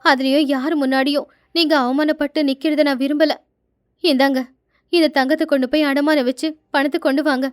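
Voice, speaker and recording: A woman voicing a devoted young wife of a poor fisherman in a storybook, speaking in a gentle, pleading way. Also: sits high, fairly even intonation, brisk, natural voice. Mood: comforting. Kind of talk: storybook narration with character voices.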